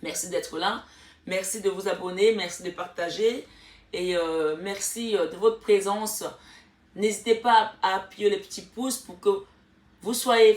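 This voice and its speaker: A woman with a mid-range voice hosts a laid-back tarot reading, speaking directly to her viewers, chatting freely with lots of fillers and restarts. She's recorded from a distance, off the mic, in an echoey room.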